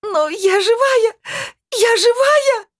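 A man's voice: extremely high pitch, expressive, slow, fairly bright tone, voice pushed up, heavily acted. A narrator voicing a young woman in panic who screams and sobs as she learns she is a ghost. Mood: hysterical. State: screaming and sobbing.

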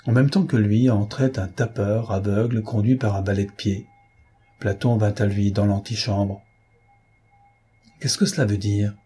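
A man narrating a classic novel as an audiobook, in a measured storytelling manner with a husky voice. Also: fairly low pitch, steady tone, warm tone.

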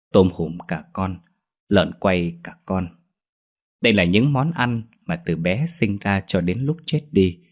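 Low, husky male narrator for a ghost story; measured and steady. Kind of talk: scripted horror narration. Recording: faint music behind.

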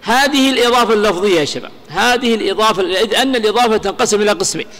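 A man teaching Arabic grammar to a class, explaining slowly, repeating examples and asking rhetorical questions. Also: high-pitched, fairly bright tone, long reverb tail.

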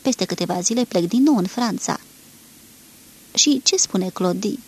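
A woman reading a literary novel aloud in a measured way, lightly acting out the dialogue, from a 1983 archive recording. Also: medium pitch, expressive, a little mellow, slightly rough. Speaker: reader of a novel. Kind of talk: scripted literary narration.

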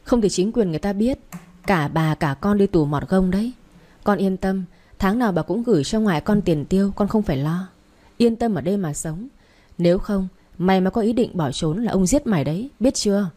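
A woman's voice: mid-range voice, lively intonation, brisk, mellow, lightly acted. A woman reading the part of a stern older mother-in-law who gives firm, threatening commands, in a narrated story.

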